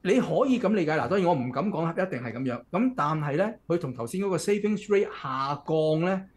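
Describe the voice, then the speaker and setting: A man's voice: a little high, lively intonation, a little fast. A man with a Hong Kong Cantonese accent giving chatty economics commentary, often checking in with "OK?" as he walks through a chart. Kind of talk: casual explanatory commentary. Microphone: computer mic while screen-sharing.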